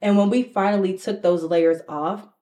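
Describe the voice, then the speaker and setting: A woman's voice: medium pitch, fairly even intonation, normal speed, mellow. A woman with a New York accent speaking casually and reflectively as a podcast co-host, stressing points by repeating words.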